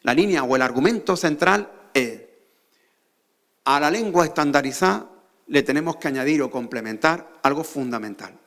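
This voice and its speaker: A man's voice: a little high, a bit bright. A man with an Andalusian accent giving a lecture on a theater stage, often posing rhetorical questions to the audience. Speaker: conference speaker.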